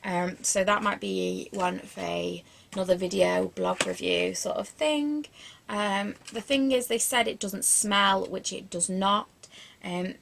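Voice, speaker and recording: A young woman in her twenties talks through a beauty haul in a rambling, casual way. Her voice has a noticeable creaky fry, and she fills gaps with ums and self-deprecating jokes. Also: mid-range voice, a little slow, noisy background. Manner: rambling and chatty, lots of fillers and restarts. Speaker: beauty vlogger. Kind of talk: casual product review chat.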